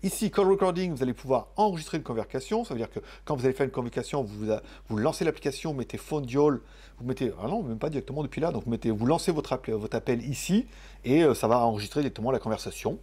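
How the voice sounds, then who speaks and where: Husky-voiced man chatting through a gadget review. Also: mid-range voice, expressive, fast, mellow. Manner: chatty, loose, lots of filler words and casual slang. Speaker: tech product reviewer. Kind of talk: casual product review demo.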